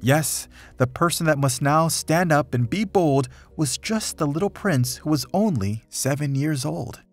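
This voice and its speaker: A storybook reader reads a children's picture book aloud in rhyming verse, his voice slightly husky and breathy. He keeps a measured pace while his pitch moves in a lively, dramatic way, and faint music plays behind him.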